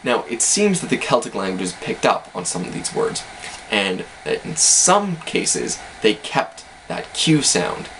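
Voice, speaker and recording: A man's voice: medium pitch, sing-song, measured pace, a bit bright, slight background noise, rough recording. A man casually explaining language facts in an educational video, hedging with self-deprecating asides.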